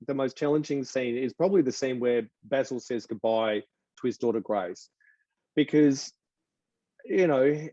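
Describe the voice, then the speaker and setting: A man's voice: mid-range voice, a little slow, warm tone, no room sound. A man, a film producer, speaking on a panel, enthusiastic and openly emotional. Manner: enthusiastic, emotional, repeats words. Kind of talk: panel discussion over video call. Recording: dry, muffled sound.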